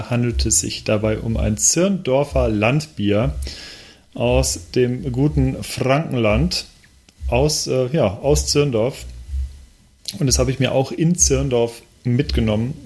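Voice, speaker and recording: A man's voice: mid-range voice, a little mellow. Rambling man in a casual podcast. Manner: rambling, hesitant, many fillers. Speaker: podcast co-host.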